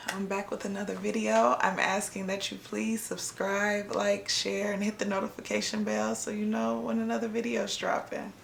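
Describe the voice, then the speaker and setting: A woman from Ohio sharing a reflective faith talk on her vlog, speaking slowly and haltingly with many pauses and fillers, emotional and near tears. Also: mid-range voice, flat delivery, vocal fry, reverberant, slight background noise. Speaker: vlogger.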